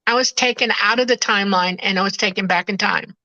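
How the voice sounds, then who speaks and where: Speaking as a guest on a relaxed video call, a native Swedish speaker recounts her story earnestly, often restarting hesitantly. She talks quickly in a mid-range voice with a sharp tone. The audio is dull, without any room sound.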